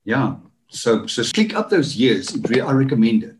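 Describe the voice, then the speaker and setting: A man's voice: medium pitch, sing-song, normal speed, noisy background. Jovial man in his fifties. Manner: jovial, laughs often. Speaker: host. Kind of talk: casual interview.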